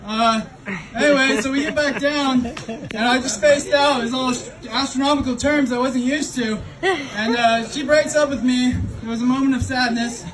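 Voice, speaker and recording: A man with a very high voice doing stand-up comedy, stumbling through his jokes with lots of ums and uhs. He is heard from a distance on a stage mic, and loud crowd laughter keeps breaking in. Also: fairly even intonation. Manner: halting delivery full of ums and uhs. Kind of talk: stand-up set.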